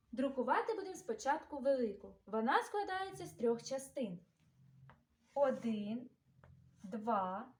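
A woman teaching a young children's literacy lesson, sounding out words slowly and clearly with a Ukrainian accent. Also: high-pitched, reverberant. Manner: slow, carefully enunciated, sounding out words. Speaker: preschool teacher.

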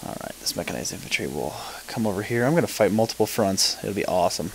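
A man's voice: lowish voice, animated, fast talker, creaky, slight background noise, rough recording. A man giving casual gameplay commentary, thinking aloud, mumbling and swearing now and then. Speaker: let's play gamer.

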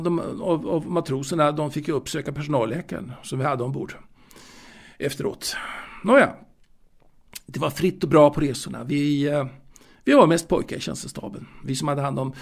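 In an audio drama monologue, a male actor plays a wistful, bookish, secretive man recalling his youth in a confiding tone. His voice is creaky and fairly high, and his delivery is hesitant and halting, with repeated words.

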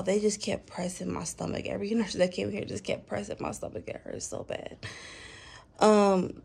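Gravelly young woman vlogging. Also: mid-range voice, a little mellow, far from the mic. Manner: chatty, talks straight to viewers. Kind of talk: casual vlog chat to viewers.

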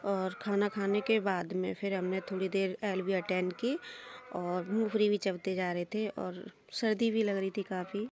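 A woman's voice: medium pitch, flat delivery, moderate pace, darkish tone, a little hiss or hum. A woman chatting through a homely voice-over for her family vlog, recorded at home. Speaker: vlogger.

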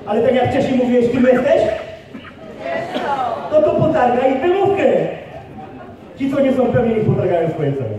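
A man giving a live motivational seminar, rallying his audience with quick questions and instructions. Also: very high voice, lively intonation, lo-fi sound, crowd noise. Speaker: motivational speaker. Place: large hall with an audience. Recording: echoey hall recorded from far off.

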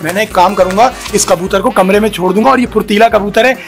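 A young man acting in a comedy sketch, eager and scheming. His voice is fairly high. Faint music plays beneath him. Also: quick pace, vocal fry. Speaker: comic vlogger character.

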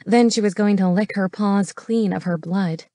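A woman reading an audiobook as its narrator, steady and matter-of-fact. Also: mid-range voice, moderate pace, no room sound. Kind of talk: scripted narration. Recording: dry studio voice.

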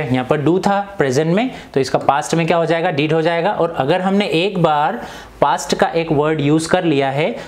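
Explaining English grammar in Hindi, this young man often quizzes his class and says every example sentence again slowly. His pitch is fairly high.

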